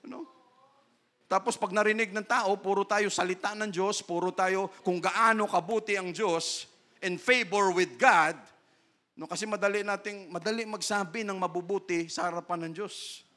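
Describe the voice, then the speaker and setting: A man preaching as pastor, mixing Tagalog and English, often adding a questioning "No?" and slowing down to stress key lines. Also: high-pitched, fairly even intonation, bright, forceful tone. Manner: mixes Tagalog and English, frequent tag "No?". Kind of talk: sermon.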